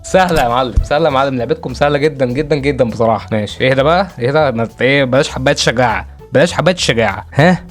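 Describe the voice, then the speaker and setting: A young man with an Egyptian Arabic accent doing excitable let's-play commentary as a gaming video host, repeating phrases and crying out. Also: mid-range voice, very fast, faint music behind.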